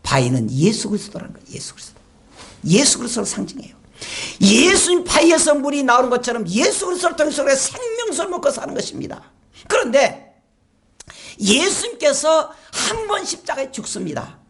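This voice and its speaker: Lively woman pastor with gravelly edges. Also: high-pitched, fairly quick. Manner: animated storytelling with rhetorical questions. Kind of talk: sermon.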